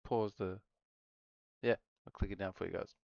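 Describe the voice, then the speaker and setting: A man's voice: sits low, steady tone, moderate pace, creaky, darkish tone, dry recording, highs cut off. A man streaming a game, chatting casually with viewers and rambling to himself as he plays. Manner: rambling, talks to himself while playing. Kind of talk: casual live-stream chat.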